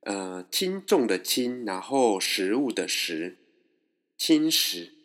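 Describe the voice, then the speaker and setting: Slow, patient male language teacher. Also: on the low side, big pitch swings. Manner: explains step by step, switching between two languages. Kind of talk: slow, patient pronunciation lesson.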